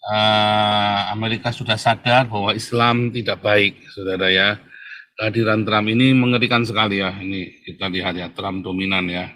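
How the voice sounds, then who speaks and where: A host with a lowish voice speaks at normal speed in a flat delivery that is still bright and forceful. His casual monologue is emphatic and chatty, constantly punctuated by "saudara ya," and he laughs at his own remarks.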